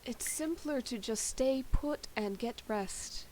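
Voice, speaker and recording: A woman player in a tabletop game, narrating her character's actions and bantering with quick laughter. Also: on the high side, a little mellow.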